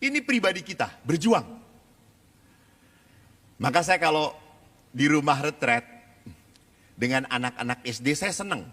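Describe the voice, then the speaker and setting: A man preaching with a bright, sharp voice that swings widely up and down, rising high when he acts out the children and mothers in his stories. His sermon rings out with long reverb across a large hall. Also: animated, measured pace, pauses often. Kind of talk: lively sermon to a live audience.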